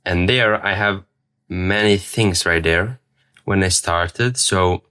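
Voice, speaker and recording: A young adult man from Serbia, a native Serbian speaker, tells a personal story to camera as a vlogger, rambling, repeating words, and swearing casually. His voice is low, smooth, and sharp-toned, and he takes it slowly.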